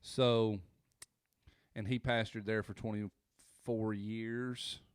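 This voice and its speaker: A pastor talks casually in a fairly low voice. He rambles in an easygoing way and leans on fillers as he thinks. The sound is dry and close. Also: flat delivery, takes it slowly, clear, resonant tone, dry recording. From South Central Kentucky. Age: 30s. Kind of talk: casual conversation. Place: indoor room by a window.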